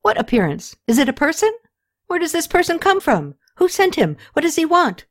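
A woman voicing an imperious, hot-tempered ancient queen who fires off sharp demands. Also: fairly high pitch, lively intonation, normal speed. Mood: probing.

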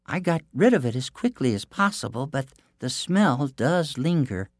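A man voicing a young princess who is frightened but clever, speaking in a high, urgent, pleading way. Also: big pitch swings, normal speed, no echo, studio quality. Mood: coaxing.

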